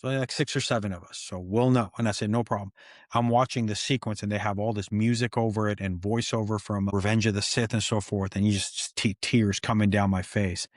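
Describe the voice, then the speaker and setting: A man, a stuntman guest, telling set stories in an excited, animated way and acting out quoted dialogue. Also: fairly low pitch, brisk, dry recording, studio quality. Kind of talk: animated storytelling interview.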